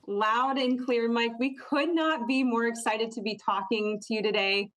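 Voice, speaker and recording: A woman's voice: a little high, fairly even intonation, normal speed, a bit bright. An American woman conducting a conversational broadcast interview as a local TV journalist.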